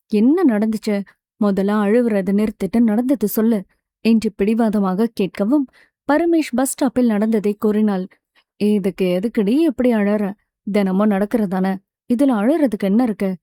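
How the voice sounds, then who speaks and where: A woman's voice: on the high side, dark tone, no room sound, studio quality. A woman with a Tamil Nadu accent reading a novel aloud, narrating and voicing every character's dialogue in a conversational tone. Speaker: audiobook narrator.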